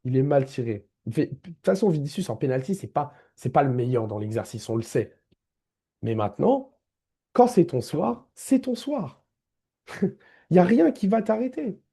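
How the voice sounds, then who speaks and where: A man's voice: a little high, big pitch swings, moderate pace, creaky, mellow, slightly rough. A man giving a casual football match debrief as a vlogger, emphatic, repeating his key points and addressing viewers directly.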